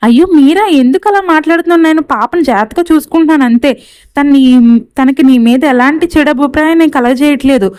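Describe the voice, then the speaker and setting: A woman voicing a patient young woman who speaks softly and pleadingly. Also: high-pitched, quick pace, dry recording, natural voice. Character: gentle, patient young woman caring for a child.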